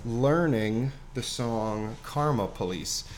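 Seated at a piano, a man hosts an informal, rambling solo chat, his medium-pitched voice slow and sounding far from a dangling microphone. Music plays, and there's a little hiss or hum.

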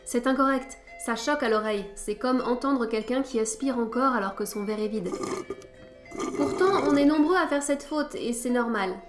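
A woman's voice: a little high, normal speed, music in the background. A woman hosting a scripted podcast lesson, with a wry, playful teacher's tone. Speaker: podcast host.

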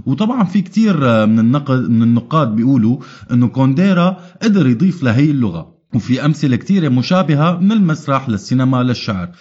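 A man interviewing, putting a prepared question in a measured way with filler sounds. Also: mid-range voice, very animated, darkish tone, breathy edge. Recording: dull lo-fi sound.

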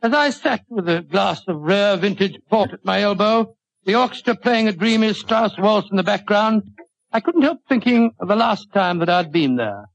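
Genial older British doctor, high creaky voice. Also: male voice, expressive, moderate pace, no room sound, heavily acted. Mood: dramatic narration. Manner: avuncular, wordy, chuckling storyteller. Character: older genial British doctor reminiscing, Sherlock Holmes's loyal companion. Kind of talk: 1940s radio drama storytelling. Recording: dull old-time radio recording.

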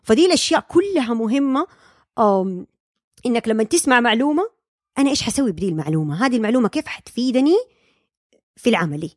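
A woman's voice: fairly high pitch, very animated, quick pace, pauses often, no echo, studio quality. A young woman, a speech-language pathologist explaining her field in a casual interview, with many fillers and English terms. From Saudi Arabia.

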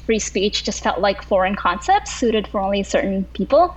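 A woman's voice: medium pitch, very animated, normal speed, slightly rough. A woman from Kuwait, a filmmaker on a panel, answering reflectively with frequent restarts. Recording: slightly dull lo-fi audio.

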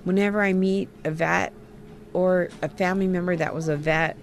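Gravelly-voiced mother in an interview. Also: lowish voice, fairly even intonation, normal speed. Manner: emotional, conversational retelling. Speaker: gold star mother.

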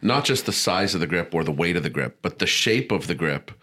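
A man's voice: low-pitched, expressive, a little fast, sharp tone, echoey room. A man, a golf instructor, explaining technique in casual conversation and adding details as he goes.

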